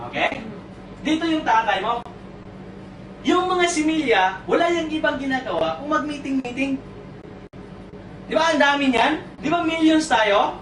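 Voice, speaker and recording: A man giving a comic motivational talk to an audience at a sales orientation, teasing them and asking questions. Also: extremely high pitch. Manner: animated storyteller, teasing, asks the crowd questions; mixes in English phrases. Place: seminar room with audience. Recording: echoey room, far from mic, noisy.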